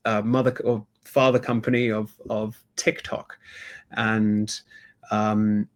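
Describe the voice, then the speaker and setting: A man's voice: lowish voice, level tone, takes it slowly. Chatty British-accented man, video-call guest. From Hong Kong. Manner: chatty, laughs often, many fillers and restarts. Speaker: guest, sourcing company co-founder. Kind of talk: conversational interview answers.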